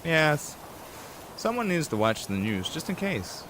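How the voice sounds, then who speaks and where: A man's voice: on the high side, very animated, unhurried, voice pushed up. Male actor as a literal-minded young adult brother in a game, blunt and matter-of-fact, rain behind. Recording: rain and thunder noise behind.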